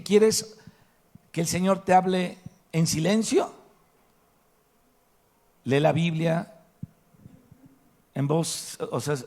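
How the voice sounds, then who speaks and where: Man, Mexican Spanish accent, pastor's sermon, fairly high and gravelly voice, rhetorical questions. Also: darkish tone. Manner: emphatic preaching, rhetorical questions to the congregation. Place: church hall.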